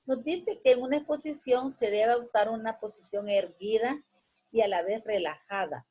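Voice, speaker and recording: Her pitch is fairly high and her pace moderate, with a mellow, husky quality and poor audio. As a teacher, she explains patiently using everyday examples, repeatedly adding questioning checks to her sentences along with many hesitation fillers.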